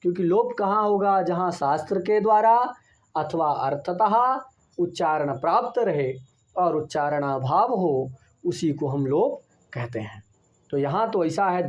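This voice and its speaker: A man's voice: sits high, darkish tone, dull audio. A man lecturing on Sanskrit grammar, explaining each point step by step and repeating key terms, with the occasional rhetorical question. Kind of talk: university lecture.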